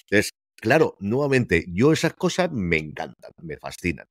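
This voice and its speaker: Speaking at a normal pace in a lowish voice with large pitch swings, this TV critic from Spain co-hosts a casual series review remotely from his home. He's emphatic and keeps firing rhetorical questions. Heard through a headset and desk mic on the call, the sound is dry and clean like a studio.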